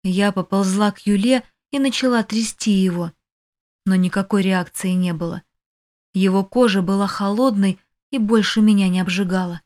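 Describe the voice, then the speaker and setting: A woman reads a first-person novel aloud as an audiobook narrator. Her storytelling is emotive and her voice sits at a middling pitch. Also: fairly even intonation, moderate pace, a little mellow.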